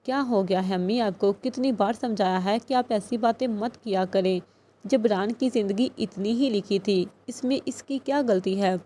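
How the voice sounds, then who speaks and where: A woman's voice: medium pitch, warm tone, natural voice. A woman reading the lines of a protective young man who speaks firmly, in an audiobook. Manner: firm, indignant.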